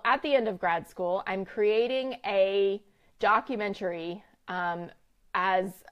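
A woman in her thirties hosting a casual live stream from a room at home, chatty and full of fillers and restarts as she talks to viewers. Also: mid-range voice. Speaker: business coach and host. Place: home room with window blinds. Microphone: webcam or phone live-stream.

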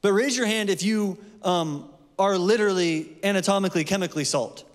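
High-voiced man preaching a casual sermon. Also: fairly quick. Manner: conversational, with fillers and self-corrections. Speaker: pastor. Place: church sanctuary. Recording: long hall reverb.

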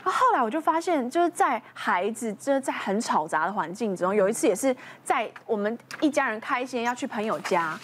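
A woman panelist on a medical talk show, telling a personal story in animated style and acting out her own panicked words with stammers. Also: on the high side, fairly quick, hardly any pauses, husky.

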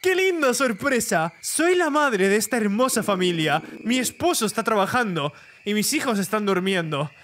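A man's voice: high voice, expressive, moderate pace, a bit bright, slight background noise, voice pushed up. A man voicing a falsely sweet, sinister mother of a creepy family in a horror game, calling her captive dear. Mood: sweetly sinister.

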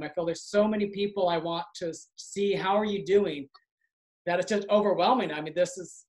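A man's voice: sits high, low-quality recording. A man who works for a community organization, talking earnestly and reflectively in a casual conversation.

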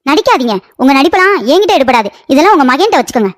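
A woman voicing a young, sharp-tongued, scheming daughter-in-law in a cartoon story, scolding and complaining. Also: sits high, sing-song, rapid-fire, no echo, studio quality.

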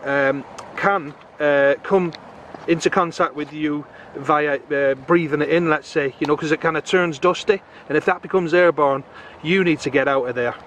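A middle-aged man chatting excitably to his viewers while magnet fishing outdoors in a river, filmed on a camera. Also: fairly high pitch, moderate pace, slight background noise. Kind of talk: casual outdoor commentary. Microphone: camera on a tripod or handheld.

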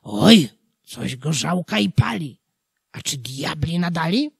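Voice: big pitch swings, slow, creaky, slightly rough, no echo, studio quality, heavily acted. Charłak: a narrator doing a tipsy old peasant. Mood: wary. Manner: wondering, merry, high-pitched outbursts. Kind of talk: audiobook folk tale reading.

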